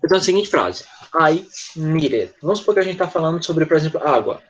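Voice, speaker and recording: A man's voice: a little high, lively intonation. Guy teaching class online, keeps asking "got it?", kinda muffled dull sound. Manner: patient, checks in often with quick tag questions. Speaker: English teacher.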